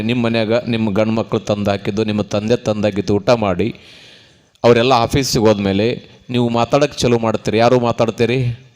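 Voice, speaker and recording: A man with a North Karnataka Kannada accent giving a temple sermon as a swamiji, swinging between loud emphatic preaching and low confiding asides, often asking his listeners rhetorical questions. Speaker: swamiji giving a religious discourse.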